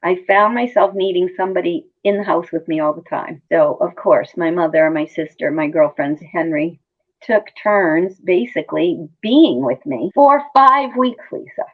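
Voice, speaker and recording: A middle-aged woman speaks in a fairly low voice over a narrow, phone-like connection. She sounds like a nurse in an interview, talking conversationally and repeating words to stress her point. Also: moderate pace. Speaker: hospice nurse interview guest. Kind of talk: conversational personal storytelling. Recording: muffled phone-like line.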